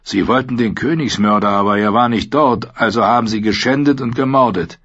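A man reading an audiobook voicing a gruff, dismissive town guard who growls his warnings. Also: mid-range voice, a little fast, a bit bright, no echo. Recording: dull lo-fi sound.

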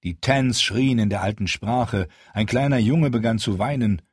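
A man narrating an audiobook in measured storytelling. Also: fairly low pitch, breathy edge, no echo, studio quality. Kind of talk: scripted narration.

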